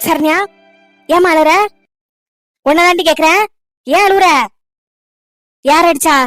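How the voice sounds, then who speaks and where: An older village mother, as a woman puts her on in a cartoon story. She scolds in a high, pleading and reproachful voice. The sound is dry and close. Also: steady tone, unhurried, fairly bright tone, dry recording, faint music behind. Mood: concerned.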